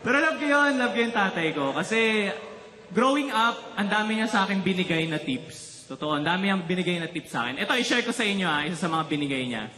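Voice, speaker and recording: A man's voice: sits high, fairly quick, roomy sound. A man from the Philippines doing a stand-up comedy routine, telling stories and teasing the audience. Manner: animated storytelling, teasing the crowd.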